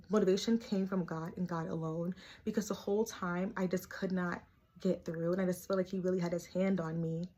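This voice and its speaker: A woman's voice: on the low side, a little mellow. A young woman talking casually and earnestly to camera, sharing a heartfelt faith testimony in a chatty way full of "like" fillers. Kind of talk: casual confessional talk to camera.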